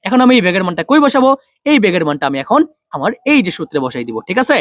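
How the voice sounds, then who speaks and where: Fast-talking young male physics tutor. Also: sits high, sing-song, a bit bright, no room sound. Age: young adult. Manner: quick, drills students with repeated questions and answers. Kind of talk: online physics lesson.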